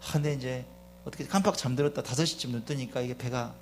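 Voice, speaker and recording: A middle-aged man pastor preaching a Sunday sermon. He is chatty, asks the congregation questions, and swings between quiet confiding asides and loud fervent calls. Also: medium pitch, fast, slight background noise. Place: church sanctuary.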